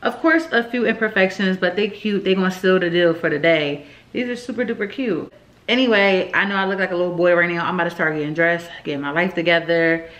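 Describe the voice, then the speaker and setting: A woman's voice: fairly low pitch, fairly quick, fairly bright tone. Chatty woman vlogger in an echoey room. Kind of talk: casual chatty vlog talk to viewers. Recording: roomy echo, some background noise.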